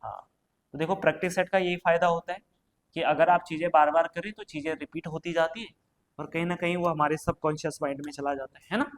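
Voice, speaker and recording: A high-voiced man runs an exam-prep lesson at a quick pace with a steady tone, in what sounds like a coaching classroom or studio. Again and again he asks the students something and then supplies the answer, frequently adding "ठीक है" and "है ना".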